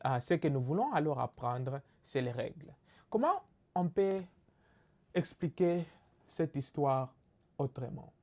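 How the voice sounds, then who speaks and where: A man with a Congolese French accent teaches a recorded lesson in a mid-range voice. He explains patiently and step by step. He often pauses on fillers and checks that his listeners follow. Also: mid-range voice, mellow. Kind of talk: recorded lecture.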